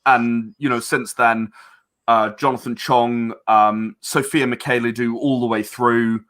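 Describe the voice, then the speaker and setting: A game publisher and audio drama creator chats casually as an interview guest, speaking a little slowly in a medium-pitched, steady, fairly bright voice. He's earnest and polite, though hesitant, often correcting himself.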